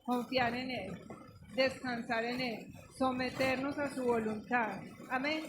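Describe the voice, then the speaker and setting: A woman's voice: high-pitched, steady tone, slow pace, background noise. A woman pastor preaching a sermon to her congregation, emphatic and questioning, teaching with questions. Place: church.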